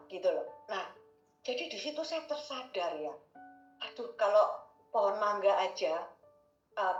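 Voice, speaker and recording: A woman giving a casual devotional talk, chatty and repetitive, often addressing listeners as brothers and sisters. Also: fairly high pitch. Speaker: devotional speaker. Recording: roomy, dull lo-fi recording with faint music.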